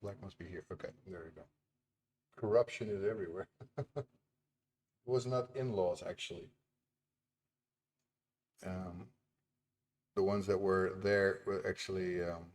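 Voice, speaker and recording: This indie developer, whose first language is Dutch, streams his game-building in a low-pitched, steady voice, taking it slowly with long pauses. He chats casually, laughs often, and mutters to himself along the way.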